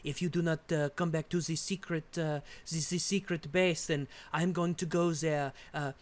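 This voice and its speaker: Mock French accent, fretful resistance man, put on by a man, hesitant, soft-spoken. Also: fairly high pitch, steady tone, normal speed, lightly acted. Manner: hesitant, full of "uh"s.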